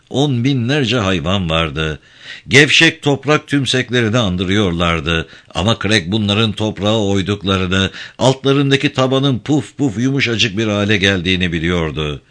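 Bright-toned male audiobook narrator. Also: on the low side. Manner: dramatic measured reading.

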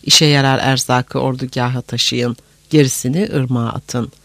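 A man's voice: mid-range voice, steady tone, normal speed, creaky, fairly bright tone, no echo. A man doing a cruel gloating Mongol prince. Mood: cruel, commanding. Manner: mocking, commanding, contemptuous. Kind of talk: audiobook character voice.

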